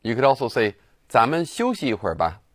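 A man narrating a scripted language lesson, explaining phrases clearly and shifting between two languages. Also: medium pitch, wildly swooping pitch, fast, slight background noise. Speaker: language teacher host.

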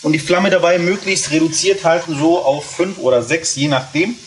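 Male cooking vlogger, a bit higher pitched, casual and talkative, pan sizzling behind. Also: moderate pace, slight background noise. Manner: chatty, explains steps while cooking. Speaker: cooking channel host. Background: food sizzling in a pan.

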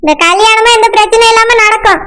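A woman's voice: very high voice, steady tone, fast, bright, forceful tone. A woman playing a strict, worried village mother who gives orders, with a Kanyakumari Tamil accent. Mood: commanding. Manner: commanding, scolding. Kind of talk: village skit acting.

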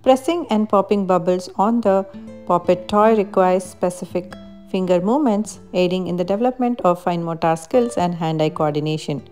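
Low-voiced woman narrating over soft guitar. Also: moderate pace. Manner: even, explanatory reading of benefits. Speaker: narrator of a parenting activity video. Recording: voice-over with faint guitar music.

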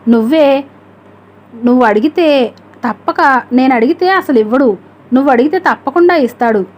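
A woman's voice: high voice, lively intonation, normal speed, highs cut off. A woman voicing a scheming middle-aged village mother who coaxes and insists. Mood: coaxing.

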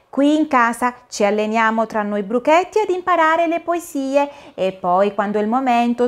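Brief: a woman playing a tiny green caterpillar, solemn and earnest, pitched up, a bit louder than her narration. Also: natural voice. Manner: solemn, careful storybook voice. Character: friendly little male green caterpillar, polite and earnest.

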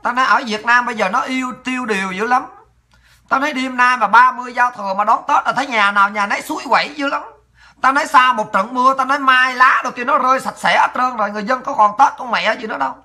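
Woman ranting over protest clips, high sharp voice, cusses a lot. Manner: indignant, coarse, exclaiming. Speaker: political commentator. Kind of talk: angry commentary over protest footage.

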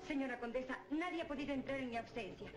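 An actress playing a devoted, anxious maid, earnest and deferential, in an old gothic horror film. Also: female voice, sits high, fast, lightly acted. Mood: devoted, worried. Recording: noisy old film soundtrack.

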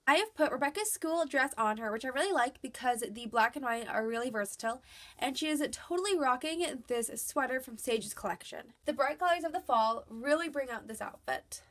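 A young woman with a cold, a doll collector vlogger, reads a scripted voice-over while showing off her dolls' outfits. Her high voice is a bit bright and fairly quick, with lively intonation, and the tone stays chatty and upbeat.

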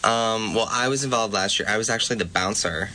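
A man's voice: on the low side, fairly quick, pushed and bright, slight background noise. A young man, a student club guest on campus radio, explaining things hesitantly with many ums. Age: young adult. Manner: hesitant, frequent "um". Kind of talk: casual radio interview.

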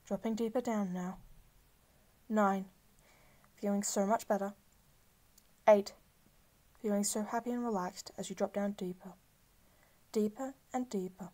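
Soft-spoken woman guiding a hypnosis session. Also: mid-range voice. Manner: soft, slow, soothing, repetitive, with breathy whispered stretches. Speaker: hypnosis guide. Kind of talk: slow guided hypnosis script.

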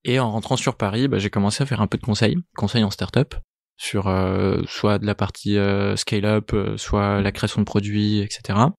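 Man in his thirties, halting. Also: on the low side, flat delivery, gravelly, no echo, studio quality. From Italy. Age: 30s. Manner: hesitant, many fillers and repeated words. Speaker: guest, startup co-founder. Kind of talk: casual interview answers.

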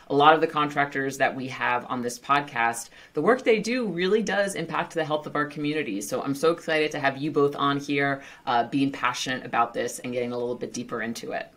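Very low-voiced bubbly woman host. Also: a bit bright. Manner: bubbly, jokey, laughs at her own slips. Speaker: podcast host. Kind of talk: casual interview chat.

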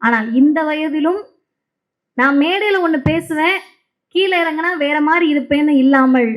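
Very high-voiced woman giving a speech. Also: moderate pace, low-quality recording. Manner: impassioned, emphatic oratory with repetitions. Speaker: public speaker. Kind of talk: stage speech.

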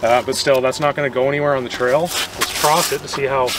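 A young man who makes gear shows off his product outdoors in the snow next to a vehicle, working with his hands in a relaxed way and stopping and starting as he goes. His voice is medium in pitch. A camera mic a few steps away picks him up, along with ambient outdoor noise.

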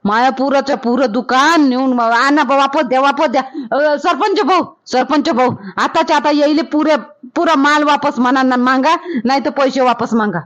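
A woman playing a loud, scolding village woman with a Varhadi accent, exclaiming at the people around her. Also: high-pitched, normal speed, natural voice. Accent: Varhadi Marathi.

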